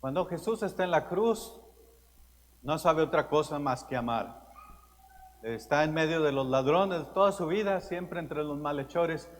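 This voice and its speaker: A man's voice: on the high side, lively intonation, measured pace. A male pastor giving a Sunday homily, telling stories earnestly and stressing his key words. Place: large church. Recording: long church reverb, faint room noise.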